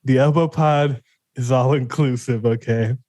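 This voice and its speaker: A man's voice: mid-range voice, fairly even intonation, a little slow, warm tone, dry recording. A man from Arizona co-hosting a podcast in casual chat, cursing freely and often breaking into laughter. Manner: giggly, keeps breaking into laughter, swears freely. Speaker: podcast co-host.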